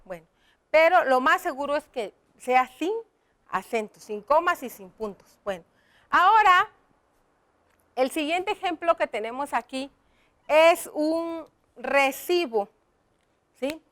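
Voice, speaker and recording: Woman teacher, high pitch, slow explanatory delivery for young pupils. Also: fairly bright tone. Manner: slow, explaining step by step, addressing children. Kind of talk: classroom lesson.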